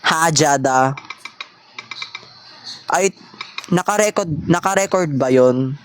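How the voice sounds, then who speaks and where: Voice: medium pitch, takes it slowly, a little hiss or hum. A gamer chatting casually during online play, playful and mock-serious, mixing in English phrases. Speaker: gamer playing online with others. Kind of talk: casual gameplay chat.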